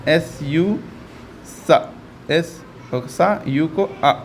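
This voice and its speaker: A man's voice: a little high, very slow, slight background noise. A man teaching English reading, patiently repeating each sound and quizzing his learner step by step. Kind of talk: step-by-step phonics lesson.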